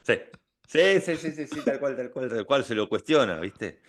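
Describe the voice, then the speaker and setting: A man's voice: mid-range voice, lively intonation, moderate pace. A man chatting casually, agreeing emphatically and acting out what people say. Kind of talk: casual conversation.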